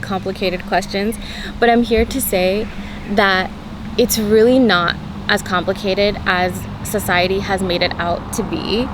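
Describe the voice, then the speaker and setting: Earnest woman healer, noisy background. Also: medium pitch. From Turkey and the US. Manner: earnest, affirming, often adds "okay?". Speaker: spiritual healer and vlogger. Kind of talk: spiritual talk to camera.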